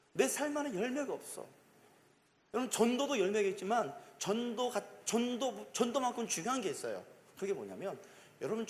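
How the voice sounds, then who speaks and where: Male pastor, emphatic call-and-response sermon; high, animated voice in a reverberant sanctuary. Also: a little hiss or hum. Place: church sanctuary. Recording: long reverb of a church hall.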